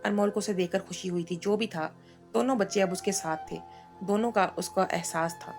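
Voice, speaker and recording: Woman narrator, romance novel reading, gravelly fry, faint music behind. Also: medium pitch, moderate pace. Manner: steady storytelling.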